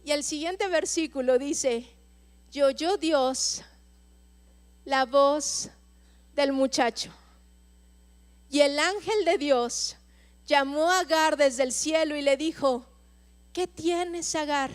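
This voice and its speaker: A middle-aged woman pastor delivers an impassioned sermon. Her voice sits very high and she takes her time, pausing between emphatic phrases. She builds intensity as she calls out for help. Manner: impassioned preaching, slow and emphatic, acting out cries for help.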